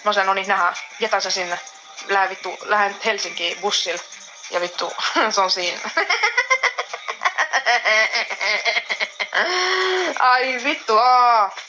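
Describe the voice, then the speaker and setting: A woman's voice: mid-range voice, little pitch movement, sharp tone, faint music behind, rough recording. A woman streamer chatting to her viewers, giggly and profane as she daydreams aloud. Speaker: live streamer. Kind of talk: casual live-stream talk to chat.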